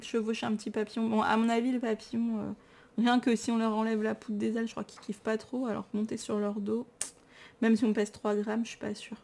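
On the high side and a little mellow, this tired woman's creaky voice moves little in pitch and runs brisk. With a French accent, she vlogs casually and enthusiastically about her books, teasing herself.

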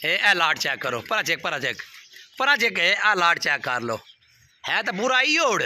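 A man hosting a casual outdoor video and haggling in a brisk, bossy way. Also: high voice, big pitch swings, sharp tone, a little hiss or hum. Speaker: livestock dealer and video host. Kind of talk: casual on-camera bargaining. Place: outdoor farmyard.

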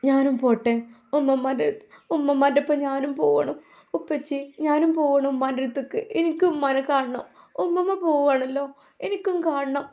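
A woman's voice: high-pitched, fairly even intonation, a little fast, mellow, pitched above the performer's own voice. Woman doing a sobbing little girl. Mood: tearful pleading. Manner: sobbing, begging. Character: small grieving girl, weepy and pleading.

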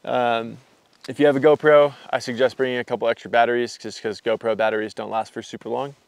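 This hiking vlogger, a young man, talks fast in a gravelly, medium-pitched voice while casually walking through his hiking gear on camera. His explaining is relaxed, rambling, and loose, packed with fillers, and the camera mic recording has no echo.

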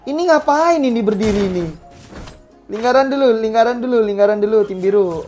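A woman's voice: on the high side, a little fast, a little mellow, soft background music. A woman hosting a game session, barking repeated commands at players and swearing casually. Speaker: gaming channel host. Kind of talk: live game commentary giving orders to players.

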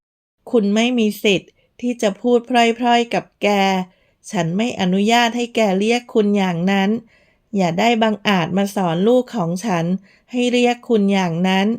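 A woman playing a proud, protective young mother who speaks in a sharp, clipped, defiant way. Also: mid-range voice, normal speed, lightly acted. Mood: angry.

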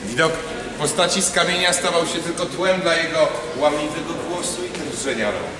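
A man's voice: a little high, brisk. A man performing slam poetry as a storytelling recitation. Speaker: slam poet. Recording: echoey hall from far off, crowd around.

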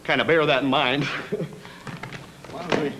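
A man's voice: steady tone, takes it slowly, noisy background. A man doing a goofy, self-mocking stand-up set on a TV studio stage. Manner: goofy, self-mocking, jumps into silly high voices. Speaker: stand-up comedian. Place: TV studio stage before a live audience. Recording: music and crowd laughter behind.

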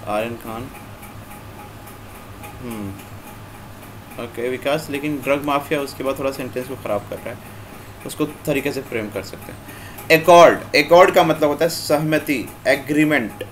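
A man teaching English vocabulary in an online class, explaining slowly and repeating "theek hai" after nearly every phrase. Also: mid-range voice. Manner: slow, repetitive explaining, mixing Hindi and English. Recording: faint background noise.

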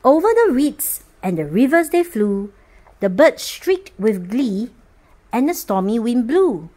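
A woman reading a rhyming children's picture book aloud as storyteller, expressive and sing-song. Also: fairly high pitch, slow.

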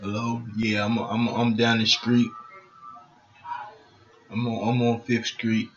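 A friend mimicking a young man picking up the phone, with a low, drawn-out, mumbled greeting. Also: flat delivery, natural voice. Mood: mumbling. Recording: lo-fi home recording with music.

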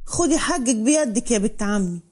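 A woman's voice: on the high side, animated, brisk, darkish tone, slightly rough. A woman with an Upper Egyptian accent voicing a stern, hot-tempered young village man who gives harsh commands. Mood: furious.

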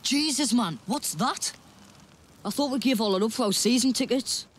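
A man's voice: very high voice, moderate pace, a bit bright, slight background noise. An actor playing a blunt, doubting young working-class man with a Geordie accent in a naturalistic drama. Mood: doubting, dismayed. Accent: Geordie, North East England.

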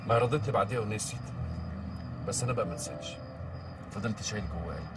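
An actor playing an Egyptian man who is brisk and commanding with his friends and tender with his partner. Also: fairly low pitch, natural voice. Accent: Egyptian Arabic. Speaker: gang leader. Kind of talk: TV drama acting. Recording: distant mic, heavy background noise.

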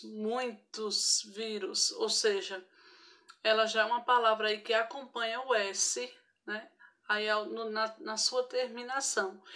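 A woman's voice: fairly high pitch, a bit bright. A woman with a Brazilian accent, teaching an online grammar lesson to primary school children, patient and careful, checking in often with short tag questions. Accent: Brazilian Portuguese. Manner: patient, frequent tag questions, spells out each example.

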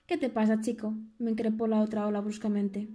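A woman's voice: mid-range voice, level tone, fairly quick, warm tone, lightly acted. A woman voicing a pair of mocking, gossipy sea waves in an audiobook, squealing and melodramatic. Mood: dramatic. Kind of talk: audiobook character voice.

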